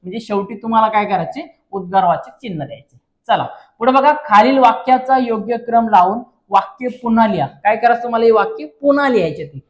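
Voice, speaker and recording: A man's voice: high voice, lively intonation, brisk. A male teacher walking students through an exam paper, constantly asking rhetorical questions and calling viewers his friends. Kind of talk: exam paper walkthrough lesson.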